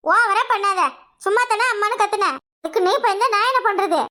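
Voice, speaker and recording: Woman voicing a quick, bright, whiny cartoon teen girl, southern Tamil village accent. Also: extremely high pitch. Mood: defensive. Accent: southern Tamil Nadu village Tamil. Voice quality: whiny, argumentative. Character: sulky talkative teenage younger daughter. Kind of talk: cartoon voice acting.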